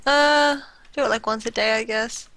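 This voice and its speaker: A woman's voice: on the high side, fairly even intonation, moderate pace, a bit bright, no echo, faint music behind, poor audio. A woman casting games, chatting casually and candidly on a live stream. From Australia. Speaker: esports caster.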